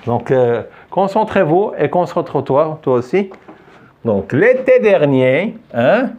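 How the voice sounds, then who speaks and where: A man's voice: fairly high pitch, very animated, slow pace, a little mellow, lo-fi sound, slight background noise. A man teaching a French lesson in a classroom, patiently repeating phrases for his students to echo back. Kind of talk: classroom lesson with call-and-response drilling.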